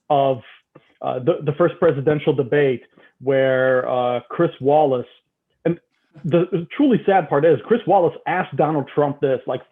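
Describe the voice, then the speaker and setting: A man co-hosting a casual political chat podcast. He talks in an animated way, often tags "right?" onto his sentences and repeats words when he gets worked up. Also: on the high side. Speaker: podcast co-host. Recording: tinny phone-like line.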